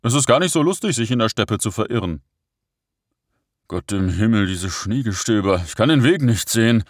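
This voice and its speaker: A man's voice: lowish voice, expressive, moderate pace, no room sound, clean studio sound. A man voicing a worried servant who frets and complains in a raised, plaintive voice. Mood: fretful.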